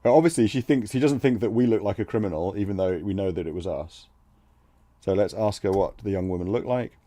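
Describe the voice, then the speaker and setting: Low, mellow-voiced man reading a text game. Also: fairly quick, dry recording. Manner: thinks aloud with restarts between read-out passages. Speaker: let's play streamer. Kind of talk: reading a text adventure aloud with casual commentary.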